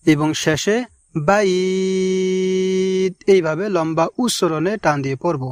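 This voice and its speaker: A man teaching the correct pronunciation of a short Arabic chapter, chanting each word slowly and explaining in calm asides. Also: sits high, clean tone, no room sound, clean studio sound. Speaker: Quran recitation teacher. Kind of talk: slow recitation lesson.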